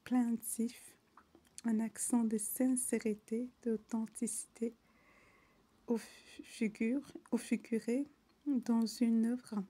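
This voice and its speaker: Woman reading dictionary entries, slow and unhurried, slightly high voice, mellow tone, often whispering. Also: steady tone, breathy edge. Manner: often drops to an unvoiced whisper; unhurried, reads word by word.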